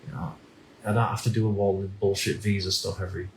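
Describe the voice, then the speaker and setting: A man in his thirties from the United Kingdom, talking through a reflective personal monologue in a halting way, often repeating words and restarting sentences. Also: low-pitched, little pitch movement, a little mellow, roomy sound, slight background noise, poor audio. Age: 30s. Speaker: vlogger.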